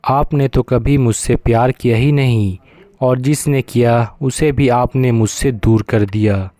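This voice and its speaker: Bitter, accusing young son in a storybook, read by a man with a warm, dry voice. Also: mid-range voice, fairly even intonation, a little slow, no room sound, lightly acted. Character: hurt, angry young man breaking with his father.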